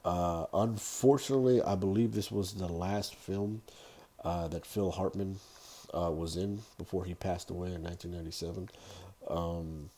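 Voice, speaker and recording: Podcast host, middle-aged man: low-pitched, husky voice, casual and rambling solo review delivery. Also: fairly even intonation, warm tone. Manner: rambling, halting.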